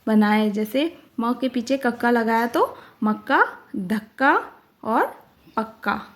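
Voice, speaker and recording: A woman teacher slowly explaining a workbook, spelling out each word with care. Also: a little high, expressive.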